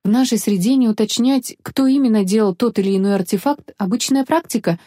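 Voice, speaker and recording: A woman's voice: on the high side, brisk, mellow, dry recording, clean studio sound, pitched above the performer's own voice, close to an everyday voice. Woman voicing an earnest young woman artificer. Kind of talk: audiobook character voice.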